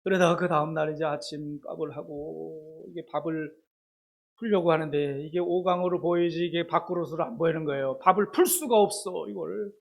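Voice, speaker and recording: Preacher, man, high-pitched, animated storyteller addressing a congregation. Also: normal speed, creaky. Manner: animated, acts out characters, exclaims to congregation. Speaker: pastor. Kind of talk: sermon with storytelling.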